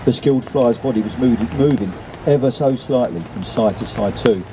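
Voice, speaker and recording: A man reading a children's story aloud at a charity event, unhurried, with small slips he corrects. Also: medium pitch, mellow, slight background noise, poor audio.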